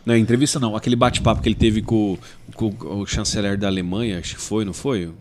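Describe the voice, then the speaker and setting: A man from Brazil in casual chat, animated and joking, often mimicking people. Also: lowish voice, quick pace.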